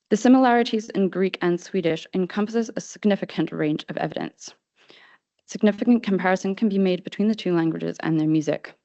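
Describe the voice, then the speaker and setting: A woman presenting an academic paper at a conference, reading from a script in a measured way with frequent ums. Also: on the low side, gravelly, a little mellow, dry recording. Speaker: conference speaker. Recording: dull, lo-fi sound.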